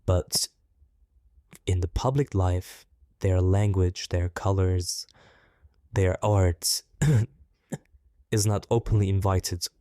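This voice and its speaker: A man in his twenties from Turkey, speaking as an interview guest with his voice altered to hide his identity, in a measured, reflective way with pauses. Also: mellow, dry recording, studio quality. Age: 20s. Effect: voice digitally altered to disguise identity, deep. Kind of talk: personal interview.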